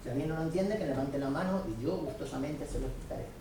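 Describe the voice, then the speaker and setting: High-voiced preacher, echoey hall. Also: male voice, quick pace, dark tone, slight background noise. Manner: earnest teaching, checks the listeners often understand. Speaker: Bible teacher. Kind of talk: Bible teaching to a congregation. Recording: very echoey room, distant mic.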